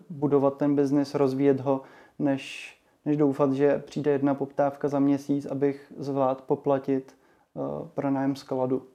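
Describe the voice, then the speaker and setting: A man talks through his points in a steady, level voice. His tone is dark and mellow, and he pauses often with filler sounds. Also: on the high side. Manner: hesitant, many fillers and restarts. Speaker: guest, marketing association chairman. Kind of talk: casual interview talk.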